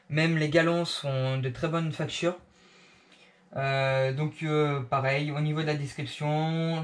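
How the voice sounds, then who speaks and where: A man casually reviewing clothes he bought, with many fillers and restarts. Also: a little high.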